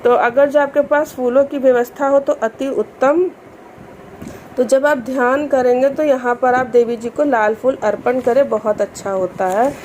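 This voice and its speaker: A woman with a slightly high voice calmly teaches the rules of scripture recitation, reading Sanskrit verses slowly. Her explanations are patient and instructive. A faint background hiss sits under the recording. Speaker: religious instructor.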